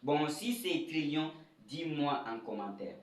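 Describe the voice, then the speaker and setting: A man teaching an English lesson at a board in a lively, questioning way, drilling words aloud. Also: a little high, a little slow. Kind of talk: whiteboard lesson for French speakers. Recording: echoey room, voice a bit far from the mic.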